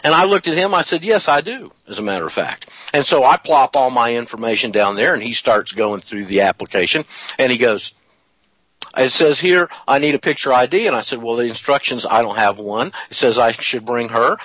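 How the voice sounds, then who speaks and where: A man's voice: mid-range voice, animated, a little fast, pushed and bright, husky, no echo, rough recording. A man as an interview guest, telling a story in an emphatic, folksy way and drawing out his phrases. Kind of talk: animated storytelling in conversation.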